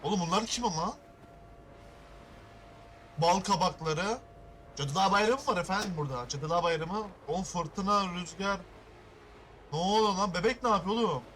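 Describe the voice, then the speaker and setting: Excitable young man reacting loudly. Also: high-pitched, normal speed, long pauses, a little hiss or hum. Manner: loud exclamations and swearing, startled outbursts. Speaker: reaction video creator. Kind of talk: casual reaction commentary.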